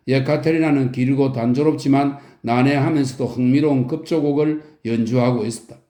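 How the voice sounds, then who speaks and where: A man reading a novel aloud as a calm, soothing bedtime audiobook narrator. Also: mid-range voice, roomy sound.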